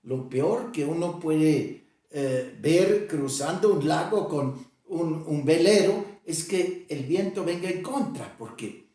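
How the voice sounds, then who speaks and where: A man preaching in a church, his voice rising and falling a great deal as he reads scripture aloud. He speaks slowly and deliberately, pausing and hesitating often. The sound is very echoey and distant, as if picked up from far off in the hall. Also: on the high side, expressive, mellow. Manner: slow, deliberate, with frequent hesitations. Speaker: pastor. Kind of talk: sermon with scripture reading. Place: church sanctuary.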